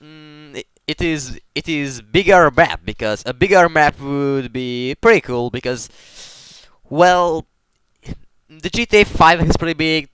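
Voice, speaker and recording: A man's voice: on the high side, animated, measured pace, a bit bright, smooth, dry recording. A man giving casual commentary while playing a game. He rambles, stumbles over his words and restarts sentences often. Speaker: gaming commentator.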